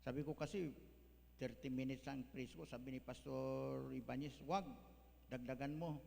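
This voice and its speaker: A man's voice: mid-range voice, little pitch movement, normal speed, creaky, dark tone. A male pastor, preaching a folksy sermon that mixes in English words. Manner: folksy, mixes English, tags lines with "ano?". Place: church hall. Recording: echoey church hall, faint hum.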